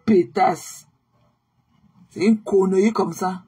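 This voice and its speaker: A woman's voice: mid-range voice, fairly even intonation, takes it slowly, warm tone, husky. A tired woman chatting casually to her viewers on a live stream, repeating herself and slipping English phrases into her talk.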